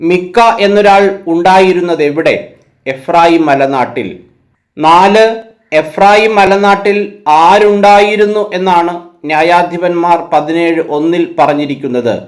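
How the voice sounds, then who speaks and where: A man, teaching a Bible quiz as host, reading out numbered questions and then giving each answer in a lower, quieter voice.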